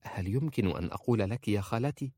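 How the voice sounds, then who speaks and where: A man voicing a polite, innocent young bride who speaks softly in a storybook reading. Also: fairly low pitch, animated, fast, no room sound, studio quality. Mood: gentle. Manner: soft, gentle pleading.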